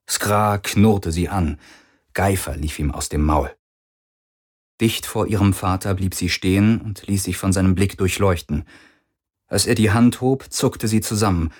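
Slow, deep, husky male storyteller. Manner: steady, measured storytelling. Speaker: audiobook narrator. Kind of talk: scripted narration.

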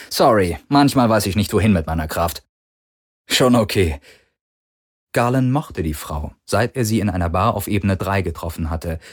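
A man narrating an audiobook with expressive storytelling. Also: low voice, no echo, studio quality. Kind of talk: scripted narration.

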